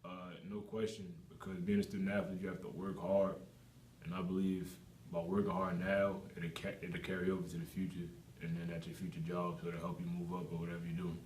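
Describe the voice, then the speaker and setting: A man's voice: sits low, level tone, a little fast, a little mellow. A young adult man giving casual interview answers as a student athlete. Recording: echoey room with faint background noise.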